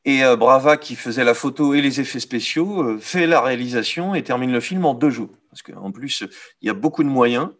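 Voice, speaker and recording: A man with a French accent giving a live art history lecture, pausing often with fillers and correcting himself. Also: mid-range voice, expressive. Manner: hesitant, many "euh" fillers, self-correcting.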